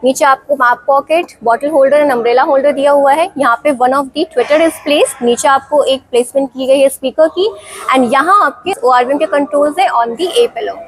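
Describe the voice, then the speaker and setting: High-voiced Indian woman reviewing a car. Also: normal speed, rough recording. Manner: mixes Hindi with English phrases; explains each feature in turn. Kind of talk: walk-around car review narration.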